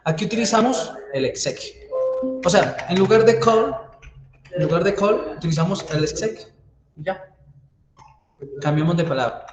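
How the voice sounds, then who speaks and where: A man's voice: high-pitched, animated, normal speed, long pauses, music in the background. A man teaching a university database class, walking students through code step by step and checking in with them often. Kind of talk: live coding class lecture. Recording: echoey room, faint keyboard typing.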